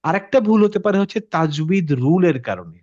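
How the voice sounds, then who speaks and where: A man's voice: high-pitched, big pitch swings, a little fast, a little mellow, no echo. Patient male tajweed teacher, lo-fi. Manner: patient, checks with students by asking questions; mixes English words into his talk. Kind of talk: interactive class explanation. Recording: slightly dull, dry lo-fi audio.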